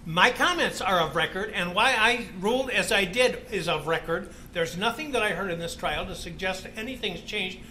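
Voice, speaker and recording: A man's voice: sits high, bright, forceful tone, a little hiss or hum, rough recording. A man serving as judge, speaking from the bench in a courtroom recording, stern and scolding, cutting in and stumbling over his words.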